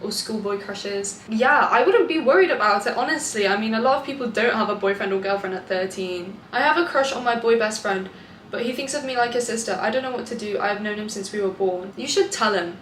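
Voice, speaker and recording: A young British online video host reads out confessions at a fairly quick clip, her medium-pitched voice a bit bright. She's candid and chatty in her reactions, gleefully entertained by the gossip, recorded in an echoey room with clear background noise.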